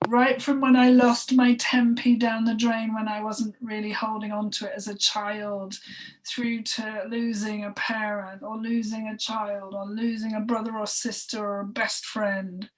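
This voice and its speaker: A woman co-hosting a spoken energy healing session, talking in a halting, emotional way, with sighs and soft breathy asides. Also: medium pitch, flat delivery. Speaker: healing session practitioner and co-host. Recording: voice distant from the mic.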